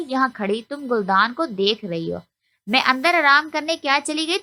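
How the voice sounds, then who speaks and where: A woman voicing a wealthy middle-aged lady employer who is imperious and possessive, giving sharp, scolding commands in a told story. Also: high-pitched. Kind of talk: storytelling with voiced characters.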